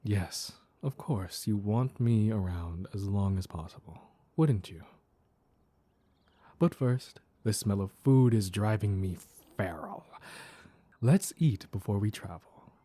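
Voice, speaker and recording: Guy doing a mad flirty cat man for roleplay audio, really dark mellow voice, husky, slow n teasing. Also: fairly low pitch, expressive, no room sound. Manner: slow teasing purr, coy pet names. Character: mischievous, flirtatious mad male Cheshire cat. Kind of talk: intimate roleplay audio acting.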